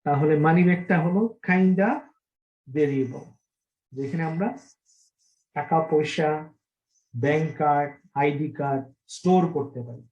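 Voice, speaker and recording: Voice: medium pitch, measured pace, long pauses, a little mellow, lo-fi sound. A programming teacher giving an online class lesson, explaining by stringing several synonyms together and often checking in with the class. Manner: asks the class frequent check questions.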